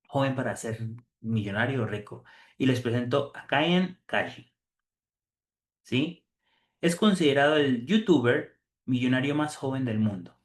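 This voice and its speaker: A man delivers a motivational talk in an emphatic, sermon-like manner. He stumbles over fillers and restarts often, at a middle pitch for a man, and the room around him has a strong echo. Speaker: host.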